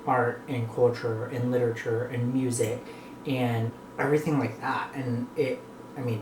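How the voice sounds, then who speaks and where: A North American vlogger chatting casually and reflectively to viewers, rambling between bites while eating. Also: medium pitch. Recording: echoey room with clear background noise.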